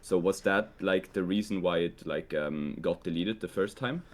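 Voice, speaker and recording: Young guy, really low voice, laid back, lots of likes and ums. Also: moderate pace. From Switzerland. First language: Swiss German. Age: young adult. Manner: relaxed, hesitant, heavy use of "like" and "um". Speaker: guest. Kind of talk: casual conversation.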